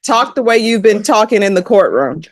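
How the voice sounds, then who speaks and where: A woman's voice: mid-range voice, animated, normal speed, no echo, clean studio sound. Stern woman judge. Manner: stern, firm and direct. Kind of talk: presiding over a court hearing. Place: courtroom.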